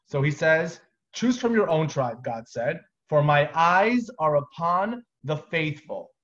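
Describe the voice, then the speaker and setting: A man's voice: on the high side, expressive, slow, fairly bright tone. A man in his thirties teaching a live online Torah class, explaining step by step with casual asides. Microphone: webcam on a video call. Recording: dull lo-fi video call audio.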